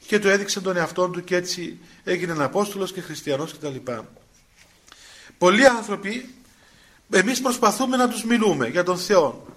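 An older Cypriot priest with a high voice talks in a homely, storytelling way. His Cypriot Greek accent colours every phrase, and he slips into colloquial asides with small chuckles. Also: a bit bright. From Cyprus. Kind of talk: spiritual talk with personal story.

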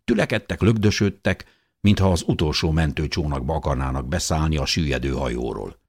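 A man reading a first-person audiobook in a steady, measured way. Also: rumbling low, creaky, breathy edge. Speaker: audiobook narrator.

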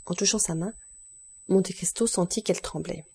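A woman narrating a classic novel as an audiobook. Her voice is low and mellow, and her reading is clear and measured, with a steady pace. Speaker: audiobook reader. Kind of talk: scripted narration.

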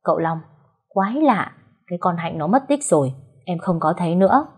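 A woman's voice: fairly low pitch, lively intonation, fairly quick, breathy edge. A woman voicing a young wife who speaks sharply and reproachfully in an audio story. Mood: worried. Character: young wife, firm and worried.

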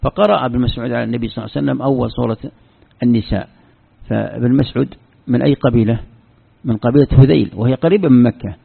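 A man's voice: medium pitch, very fast, creaky, breathy edge. A man teaching Quran exegesis as an Islamic scholar, explaining patiently, repeating words for emphasis and giving many examples. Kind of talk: explanatory religious lecture. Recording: tinny lo-fi phone-like recording.

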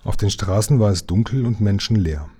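Man with a low dark voice reading a kids' story, husky and calm. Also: brisk. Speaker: reader of a children's book. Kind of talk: reading a children's storybook aloud.

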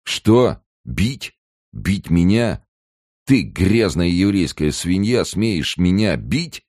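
A man's voice: extremely low pitch, big pitch swings, moderate pace, creaky, a little mellow, dry recording, studio quality, voice pushed up, heavily acted. A man reading an audiobook and voicing a selfish, cowardly young male student in a nervous, wheedling manner. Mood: contemptuous. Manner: anxious, wheedling, turning nasty.

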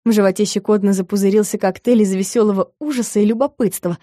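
A woman reading an audiobook in a steady, expressive storytelling manner. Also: mid-range voice, quick pace, dry recording, clean studio sound. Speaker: audiobook narrator. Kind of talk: scripted narration of a romance novel.

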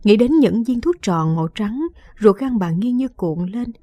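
A woman reading a late-night radio story in a calm, measured narration. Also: medium pitch, no room sound.

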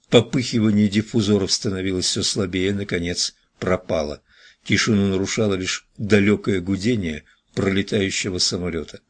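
A male audiobook narrator reads in a measured, dramatic way. His voice sits low and slightly husky. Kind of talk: scripted narration.

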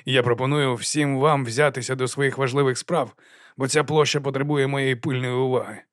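A man voicing a calm, quietly confident young monk who speaks in a measured way. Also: mid-range voice, dry recording, clean studio sound, lightly acted.

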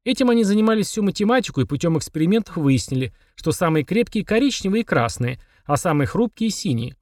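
A man narrating a children's audiobook in a lively, playful manner. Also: high voice, fast talker, dry recording, clean studio sound.

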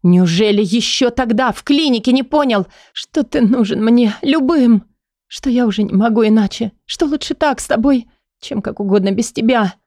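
A man reading an audiobook, voicing a tearful, defiant young woman with a high, pleading voice. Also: normal speed, darkish tone, no echo, clean studio sound. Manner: high, pleading, near tears. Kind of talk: audiobook character voice.

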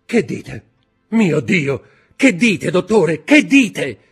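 A man voicing a panicked middle-aged procurator who shouts in alarm. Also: on the high side, big pitch swings, very slow, creaky, husky, soft background music, voice pushed up, full character voice. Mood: frantic.

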